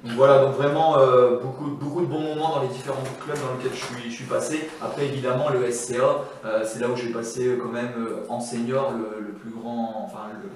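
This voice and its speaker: A man's voice: medium pitch, steady tone, a little fast, few pauses, darkish tone, slight background noise. Male guest, loose rambling answers, heard distant in an echoey space. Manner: rambling, repeats words. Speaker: guest former footballer. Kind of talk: casual interview answers.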